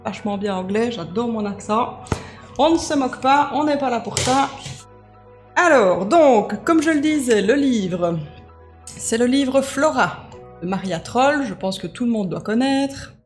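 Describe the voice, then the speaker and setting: Chatty lady showing her art supplies, fairly high voice, faint music behind. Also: animated, measured pace. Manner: chatty, self-deprecating, many fillers. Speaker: craft video host. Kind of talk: casual coloring tutorial chat.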